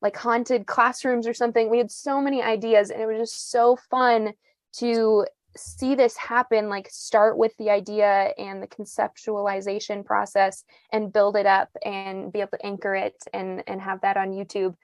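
A woman's voice: medium pitch, flat delivery, normal speed, no room sound. A woman in her twenties, a journalist guest on a podcast, telling her story in a chatty, reflective way with many fillers and restarts. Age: 20s. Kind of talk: casual podcast interview.

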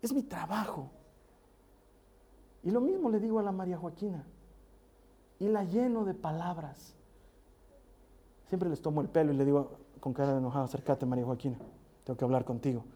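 A man, preaching a sermon, who tells family stories and drops to soft, intimate asides. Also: high voice, animated, normal speed, long pauses.

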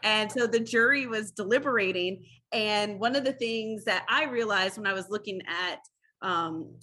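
A woman in her thirties tells her story in a casual interview, acting out the people in it with lively quoted voices. Her tone is bright and a little husky, and she peppers her talk with "like.". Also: mid-range voice. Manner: animated storyteller, acts out quotes, many "like"s. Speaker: interview guest, former defense attorney.

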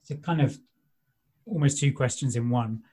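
Dark husky male interviewer. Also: medium pitch, moderate pace. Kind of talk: casual interview question.

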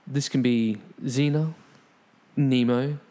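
A man co-hosts a podcast in loose, joking chat, tripping over his words in quick restarts. His voice sits at an everyday middle pitch. He talks from a small makeshift home studio. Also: fairly even intonation, mellow. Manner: jokey, stammering restarts. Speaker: podcast co-host. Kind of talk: casual chat.

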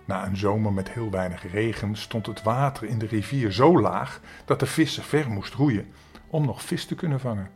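An older man telling a storybook tale to young children, gentle and expressive, speaking to them directly. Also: on the low side, moderate pace, soft background music.

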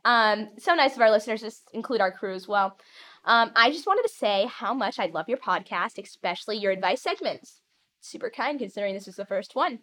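A woman's voice: medium pitch, animated, brisk, fairly bright tone. A young woman co-hosting a podcast in casual comedic chat, teasing and laughing as she reads a letter aloud. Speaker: podcast co-host.

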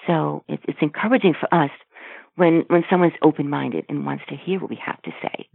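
A woman with a very low, gravelly voice tells what she has seen while counseling outside a clinic. She speaks earnestly and restarts her sentences often. Her voice comes through a tinny, phone-like line with a dry, close sound. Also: no room sound. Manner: earnest, with frequent halting restarts. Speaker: pro-life sidewalk counselor. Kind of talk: recounting experiences in conversation.

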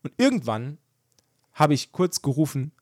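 Young male podcast co-host, casual and animated, plays out every line of dialogue; a touch high-pitched. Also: normal speed, no room sound, studio quality. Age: young adult. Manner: animated storyteller acting out dialogue. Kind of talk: casual chat.

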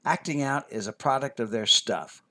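A man hosting a scripted parenting talk, measured and expressive, sometimes dropping to a whisper for emphasis. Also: mid-range voice. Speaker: host, family counselor.

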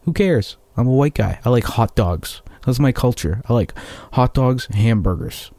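A man's voice: medium pitch, expressive, normal speed, gravelly, dark tone, no room sound. A young American man, a musician, rambling through a profane, sarcastic casual monologue. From United States.

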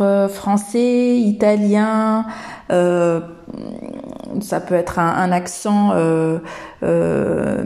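A woman hosting a podcast lesson, teaching English pronunciation and speaking slowly and hesitantly, with many fillers. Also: medium pitch, dark tone.

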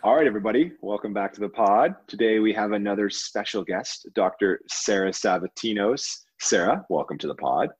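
A man's voice: fairly low pitch, expressive, a little fast, hardly any pauses, breathy edge. A man hosting a podcast, asking questions in a friendly, upbeat way. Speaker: podcast host. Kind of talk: interview hosting.

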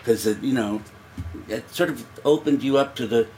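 A man from the New York area, a viola player and teacher, talking in a halting, reflective casual chat. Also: mid-range voice, a little mellow, a little hiss or hum, low-quality recording. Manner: halting, trails off and restarts.

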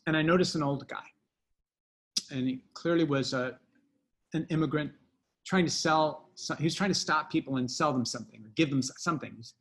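A man's voice: mid-range voice, a bit bright. A middle-aged man telling a personal anecdote in a casual interview, rambling with fillers and restarts. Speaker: guest storyteller.

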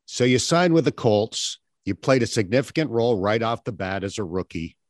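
Relaxed male host asking questions. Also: on the low side, normal speed, no room sound, studio quality. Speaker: radio broadcaster and podcast host. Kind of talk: interview questions.

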